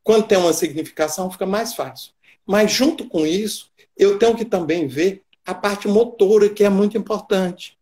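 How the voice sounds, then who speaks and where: A man with a Brazilian Portuguese accent, a guest expert on child literacy, explaining patiently in a live stream chat with frequent pauses. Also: high voice, a little mellow.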